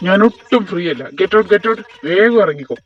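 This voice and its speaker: A brusque young college dancer, voiced by a performer, with a lively, swinging pitch. The voice sounds muffled and set back from the mic. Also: normal speed, far from the mic, natural voice. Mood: dismissive. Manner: brusque, dismissive.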